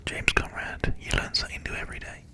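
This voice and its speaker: A streamer speaking in a soft ASMR whisper, chatting casually to viewers one by one on a livestream. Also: fast talker.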